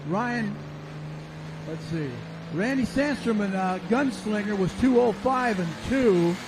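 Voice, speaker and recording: High-pitched folksy male tractor pull announcer, noisy. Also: expressive, slow pace. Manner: folksy, informal, thinking aloud. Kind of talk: casual live event commentary. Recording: noisy outdoor event with vehicle sounds.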